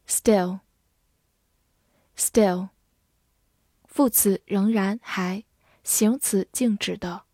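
A woman's voice: mid-range voice, fairly even intonation, warm tone, no echo, clean studio sound. A young woman teacher leading a vocabulary lesson, saying each English word twice before explaining it. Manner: reads words twice, slow and clear, then glosses.

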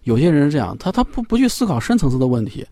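Male parenting expert on a talk show: gravelly, husky voice, animated pitch, loose explanatory delivery. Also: very fast, no echo. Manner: explanatory, with many fillers and repeated phrases.

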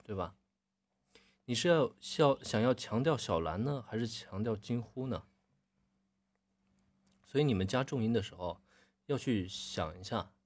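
A man working as a voice coach, critiquing students' readings on a live stream in a relaxed corrective tone and often clearing his throat. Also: on the low side.

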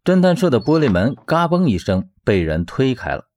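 Male narrator, expressive storytelling, lively pitch, scripted reading. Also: moderate pace. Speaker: audiobook narrator.

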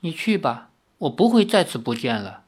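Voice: mid-range voice, sing-song, measured pace, pitched above the performer's own voice. A reader voicing a fragile, secretive young woman. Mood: hesitant. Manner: hesitant, soft and pleading.

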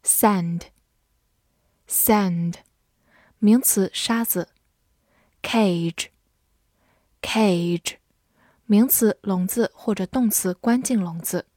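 A young woman teaching vocabulary in a recorded lesson, saying each English word twice clearly, then giving brisk explanations. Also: mid-range voice, dark tone, no echo, studio quality.

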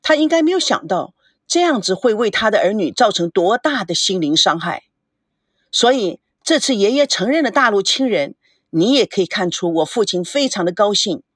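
A woman voicing a gentle, reflective young man in an audiobook, speaking calmly in a lowered voice. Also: no room sound, clean studio sound. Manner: calm, earnest, lowered voice.

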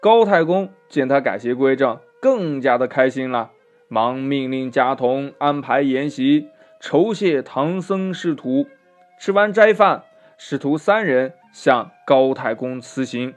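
A man narrating a children's classic tale in a lively, sing-song way. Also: mid-range voice, soft background music. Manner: lively, sing-song, many drawn-out particles. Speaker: storyteller.

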